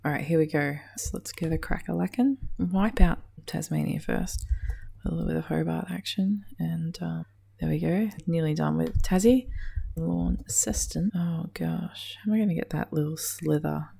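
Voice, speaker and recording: A woman's voice: low-pitched, moderate pace, gravelly, dark tone, slightly rough. An Australian woman giving casual gameplay commentary, muttering dryly to herself, swearing under her breath and often dropping into a whisper. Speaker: game commentator.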